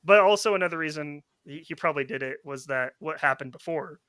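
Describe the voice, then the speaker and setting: A man's voice: on the high side, quick pace, sharp tone, clean tone, no echo, studio quality. A man hosting a film podcast, talking casually with frequent restarts and "like" fillers. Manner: rambling, many restarts and "like" fillers. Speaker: podcast host.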